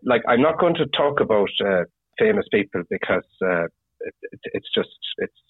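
Husky low-voiced man with Galway accent. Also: animated. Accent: Galway, west of Ireland. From west of Ireland. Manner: rambling, halting, peppered with "you know" and "you see". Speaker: fishing guide (gillie) interviewed as guest. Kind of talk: casual anecdotal storytelling. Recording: tinny phone-like radio sound, roomy echo.

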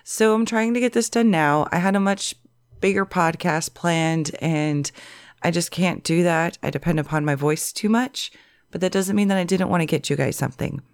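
A young woman hosting her own podcast while sick, her voice pitched a little low yet still smooth and clear. She chats in a relaxed, direct way to her listeners. The sound is dry and close, with no room around it. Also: moderate pace, dry recording. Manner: chatty, relaxed, talks straight to listeners. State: sick, voice lower than usual. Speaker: podcast host. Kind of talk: casual solo podcast chat.

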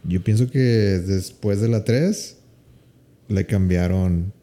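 A man in relaxed casual conversation, calmly asking questions and debating. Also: low voice, slow. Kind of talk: casual chat.

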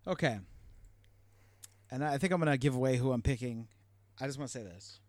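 A man's voice: medium pitch, brisk, dry recording. A man co-hosting a podcast in casual chat, talking with enthusiasm and laughing along. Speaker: podcast co-host.

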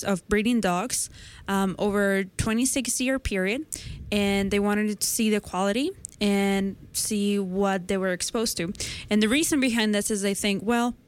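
A woman's voice: medium pitch, measured pace, smooth. A woman in her twenties, a podcast co-host, walking her co-hosts through a science study step by step in casual conversation. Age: 20s.

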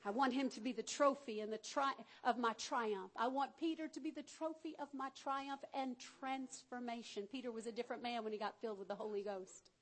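High-voiced woman preaching. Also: fairly quick, few pauses. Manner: energetic, calls out to the congregation; folksy, acts out the Bible figures. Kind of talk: sermon.

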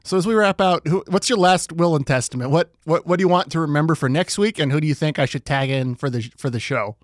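A man hosting a podcast, chatting casually with dry, deadpan jokes at an unhurried pace, close to the mic. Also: fairly high pitch, no room sound. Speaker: podcast host. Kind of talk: casual chat.

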